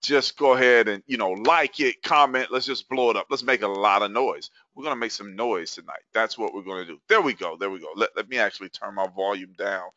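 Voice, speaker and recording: A man's voice: fairly low pitch, fairly quick, few pauses, pushed and bright, no echo, highs cut off. A man hosting a live webinar, chatty and hyped, full of fillers and repeated phrases. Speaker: webinar host.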